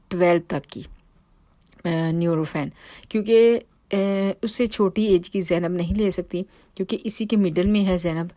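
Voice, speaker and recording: A woman's voice: fairly low pitch, darkish tone, no room sound. Chatty Pakistani woman narrating home vlog. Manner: chatty, with frequent fillers and restarts. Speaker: home vlogger. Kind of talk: casual voice-over narration.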